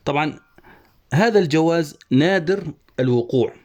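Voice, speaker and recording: A man teaching an online lesson on poetic meter, methodically explaining the verse and slowly spelling out each syllable. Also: on the high side, animated, a little mellow. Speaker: Arabic prosody teacher.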